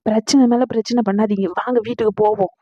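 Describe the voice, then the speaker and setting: A woman voicing a worried, sensible young wife, trying to calm a quarrel. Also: fairly high pitch, fast, dry recording, natural voice. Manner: worried, placating. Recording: dull lo-fi dry audio.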